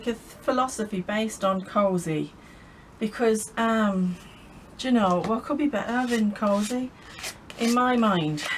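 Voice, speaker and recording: A woman's voice: medium pitch, low-quality recording. Casual woman, craft vlogger, rambling and friendly, light background hiss. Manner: chatty, rambling, laughs often.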